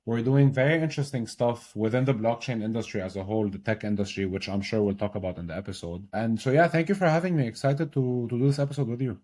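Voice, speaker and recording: A young adult man from Lebanon, a podcast guest who explains technical ideas in an energetic, casual way, often checking in with "right?". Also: medium pitch, quick pace, few pauses. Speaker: podcast guest, blockchain consultant. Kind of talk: casual explanatory interview talk.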